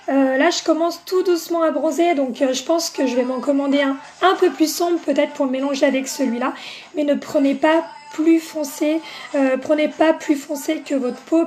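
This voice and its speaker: A woman's voice: high voice, darkish tone. A woman hosting a makeup live stream, chatting casually with viewers and greeting them by name, with plenty of fillers.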